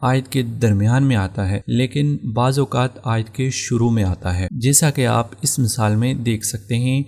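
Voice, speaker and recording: Gravelly-voiced man patiently teaching tajweed. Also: medium pitch, a little mellow. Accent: Pakistani Urdu. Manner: patient, repeats each rule and spells out examples. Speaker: Quran recitation teacher. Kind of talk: explaining tajweed rules step by step.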